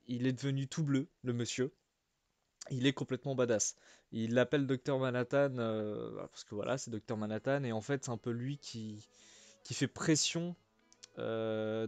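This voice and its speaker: A man's voice: mid-range voice, a little mellow. Casual French man with many hesitant fillers. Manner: chatty, informal slang. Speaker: film reviewer. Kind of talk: casual spoken film review.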